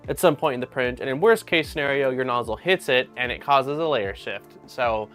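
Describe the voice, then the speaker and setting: A man's voice: medium pitch, brisk, fairly bright tone, smooth, faint music behind. A man hosting a casual livestream, talking in an upbeat, rambling way with lots of fillers. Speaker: livestream host.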